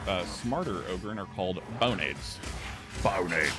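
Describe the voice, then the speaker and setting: A man with a very low voice rambles happily through a gaming livestream, full of ums and restarts. Game music plays clearly behind him. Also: lively intonation, unhurried. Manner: rambling, filler-heavy, enthusiastic. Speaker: streamer. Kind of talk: casual gaming livestream chat.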